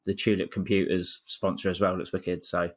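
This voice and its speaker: A man's voice: low voice, level tone, moderate pace. A man co-hosting a football fan podcast, easygoing and chatty, retelling stories with quoted asides. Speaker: podcast co-host. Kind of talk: casual fan chat.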